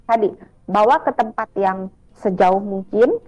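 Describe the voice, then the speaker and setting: A woman's voice: mid-range voice, a little slow, dark tone, no echo, soft background music. Woman doctor explaining practical health tips. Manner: explains step by step, practical, with small fillers. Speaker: doctor guest. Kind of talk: radio health interview.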